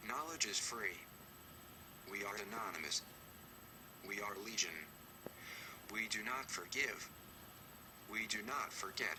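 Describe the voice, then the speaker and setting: Anonymous male spokesman, disguised deep voice, flat and accusatory, noisy track. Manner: cold, measured, accusatory. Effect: disguised deep synthetic-sounding voice. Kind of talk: scripted recorded statement. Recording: noisy recording.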